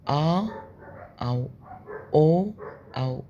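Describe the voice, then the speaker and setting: A man's voice: fairly high pitch, takes it slowly, dark tone, muffled recording, slight background noise. A man with an Egyptian Arabic accent teaching German pronunciation, patiently repeating each sound and checking in with his listeners. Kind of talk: explaining pronunciation in a lesson.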